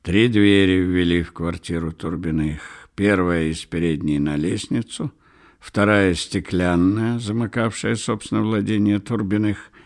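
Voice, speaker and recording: A man reading a novel aloud as an audiobook narrator, measured and expressive. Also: deep voice. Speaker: audiobook reader. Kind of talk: scripted literary narration.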